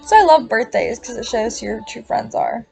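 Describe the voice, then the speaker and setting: Rambling young woman, fairly high voice. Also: lively intonation, normal speed, gravelly, darkish tone, soft background music. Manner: rambling, heavy use of "like", casual swearing. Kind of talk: casual confessional monologue.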